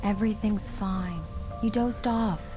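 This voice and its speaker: A woman's voice: mid-range voice, fairly even intonation, measured pace, close to an everyday voice. An actress playing a tender wife who comforts her husband in a video game. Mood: soothing, tender. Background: music.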